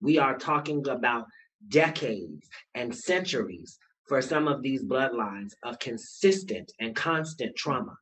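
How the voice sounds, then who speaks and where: A man's voice: medium pitch, lively intonation, measured pace, fairly bright tone, a little hiss or hum, low-quality recording. A man who runs a nonprofit and is running for school board, speaking earnestly and building to emphatic points in a casual panel chat beside a fireplace. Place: indoor room beside a fireplace.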